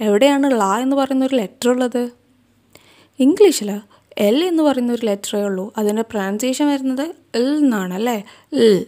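A woman's voice: on the high side, fairly quick, mellow. A young woman with a Malayali accent, a native Malayalam speaker, hosting a casual English pronunciation lesson and asking the viewer questions. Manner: chatty, asks the viewer questions. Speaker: English teacher, channel host.

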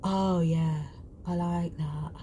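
Woman, broad British accent, unhurried live-stream chatter with whispered asides, small cabin, faint hum behind. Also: lowish voice, fairly even intonation. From United Kingdom. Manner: chatty, drops into soft whispered asides while working. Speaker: beauty vlogger. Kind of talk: casual live makeup chat. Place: small cruise ship cabin.

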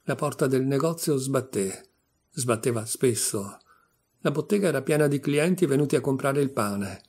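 A man reading a literary short story aloud with steady, measured narration. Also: mid-range voice, slightly rough. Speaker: audiobook reader.

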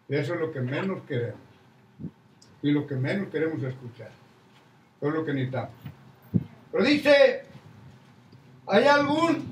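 Older man, pastor's sermon, very high voice, echoey room, heard from a distance. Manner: preaching with many "hermano" asides. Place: church hall with crowd, indoors. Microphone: stand mic at pulpit.

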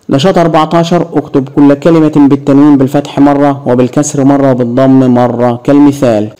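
A man with an Egyptian Arabic accent teaching a grammar lesson to young children, drawing out example words slowly. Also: medium pitch, warm tone, rough recording. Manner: slow, drawn-out word demonstrations.

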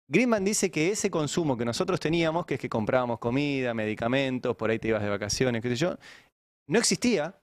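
An Argentine man hosts a political discussion, laying out arguments step by step with irony. The studio sound is close and dry. His pitch sits in the middle. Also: no echo. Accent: Argentine Spanish. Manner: explanatory, ironic. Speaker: panel host. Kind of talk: political panel talk.

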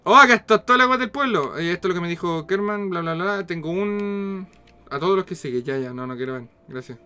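A man with a Chilean accent giving casual, slangy, foul-mouthed and excitable commentary as he streams a video game. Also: high-pitched, fairly quick, smooth. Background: game music.

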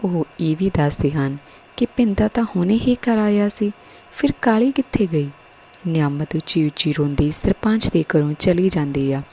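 A woman narrating a scripted story in a steady, earnest way. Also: fairly low pitch, normal speed, husky, poor audio.

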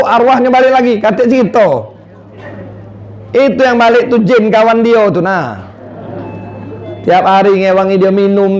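A man with a Palembang Malay accent preaching a sermon, swinging from loud calls to low, quiet lines.

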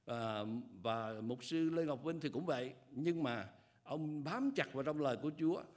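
An older man delivers a sermon from a church pulpit into a pulpit microphone. His delivery is measured and earnest, with frequent hesitation fillers as he explains each point. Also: a little high. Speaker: pastor.

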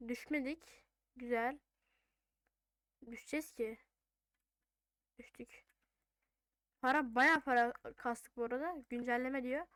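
High, clear gamer voice, female. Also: steady tone, slow pace, pauses often, fairly bright tone, dry recording. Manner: informal, thinking aloud. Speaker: gaming video host. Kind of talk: casual gameplay commentary.

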